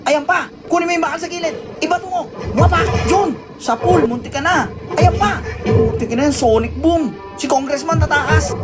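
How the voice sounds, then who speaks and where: A woman giving comic play-by-play of a video game, blurting short action calls and sound effects, then musing and ranting. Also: high voice. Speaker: gaming video creator. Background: background music.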